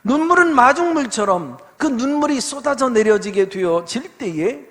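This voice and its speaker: A man, a pastor, preaching an impassioned sermon that swings from soft storytelling to loud pleading. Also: very high voice, expressive, normal speed. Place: church sanctuary. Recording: long church reverb.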